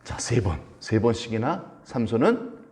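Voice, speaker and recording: A male pastor gives a Friday prayer meeting sermon, pitch climbing and dropping with great liveliness. He tells the story in an animated way, asks the congregation questions and slips into short acted-out voices of the characters. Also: measured pace.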